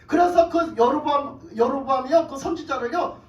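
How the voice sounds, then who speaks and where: A woman's voice: sits high, moderate pace, darkish tone, muffled recording. Lady pastor preaching casual story-style, asks the crowd questions, sounds far off in a roomy hall. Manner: colloquial storytelling, asking the congregation questions. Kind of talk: sermon. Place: church hall.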